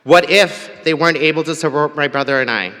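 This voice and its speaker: A man's voice: a little high, a little fast, sharp tone. A man born in Tanzania giving a candid, personal convocation speech with light humor. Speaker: convocation speaker. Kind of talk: prepared ceremony speech. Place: large hall. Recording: long hall reverb.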